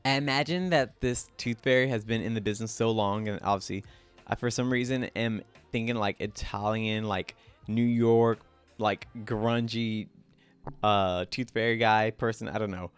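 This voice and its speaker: A man's voice: on the low side, steady tone, normal speed, clear, resonant tone, soft background music. A young man casually talking through his own drawings as host, rambling and self-critical, with lots of "like" fillers. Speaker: artist and channel host.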